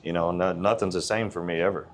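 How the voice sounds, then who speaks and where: A man's voice: low voice, fairly even intonation, fast talker, a little hiss or hum. A man in his forties, a gym owner, talking in a blunt, earnest, plain-spoken way in a casual interview. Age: 40s.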